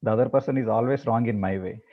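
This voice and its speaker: A man explains ideas to his meditation group before guiding them into practice. He speaks haltingly, repeating words and filling pauses, at an ordinary middle pitch. The recording sounds a little dull and lo-fi. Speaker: meditation teacher. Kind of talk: talk before guided meditation.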